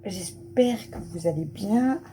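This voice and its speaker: Just out of the shower and at home, a woman in her thirties who runs a family vlog talks loosely to the camera, wandering from point to point with lots of fillers. She speaks at a slow pace in an animated, medium-pitched voice over background noise.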